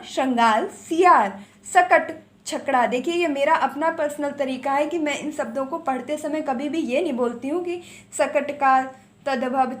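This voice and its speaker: A woman teaching a vocabulary lesson for exam preparation. She drills words in quick lists, repeats the key items and talks firmly and directly to her viewers. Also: high voice. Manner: addresses viewers directly in a firm, coaxing tone.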